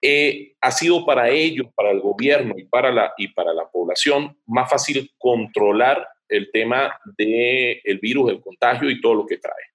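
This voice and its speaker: A man's voice: mid-range voice, normal speed, hardly any pauses, fairly bright tone. A man speaking as an interview guest, an advertising director explaining his work at length, thinking aloud with frequent hesitations.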